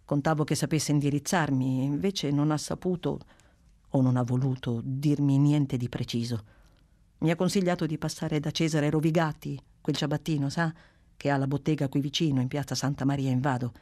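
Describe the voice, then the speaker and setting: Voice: mid-range voice, fairly even intonation, normal speed, dark tone, no echo, studio quality, natural voice. A reader doing a polite young man teacher.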